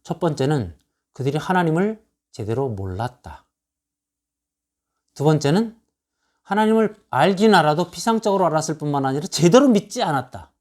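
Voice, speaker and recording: A pastor with a slightly high, darkish voice delivers an expository sermon at normal speed, animated and pausing often. He quotes scripture aloud, using rhetorical questions and repeated lists to press his case.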